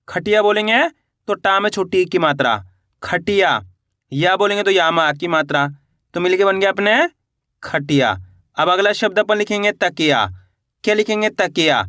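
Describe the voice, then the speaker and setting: A man teaching beginners to read and spell, sounding words out slowly syllable by syllable and quizzing his viewers with encouragement. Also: high voice, pushed and bright, dry recording, clean studio sound. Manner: encouraging, addresses viewers as friends. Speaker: Hindi teacher.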